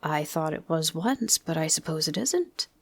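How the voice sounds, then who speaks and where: A woman doing a gentle, doleful bear. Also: low voice, expressive, dry recording. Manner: slow and doleful. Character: gentle, simple male bear.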